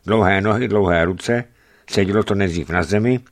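Casting: man playing a jumpy expedition mate, urgent and breathless, a touch louder, storybook reading. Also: lowish voice, close to an everyday voice. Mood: excited. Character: excitable young male expedition companion.

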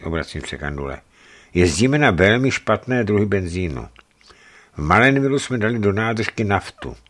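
Deep-voiced male audiobook narrator. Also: a bit bright. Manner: measured first-person narration. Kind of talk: audiobook reading of a travel memoir.

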